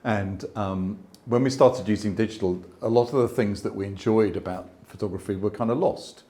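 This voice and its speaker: Before an audience at an exhibition, a landscape photographer in his sixties talks conversationally in a fairly low, mellow voice at a moderate pace. He is thoughtful, frequently restarting and drifting into asides.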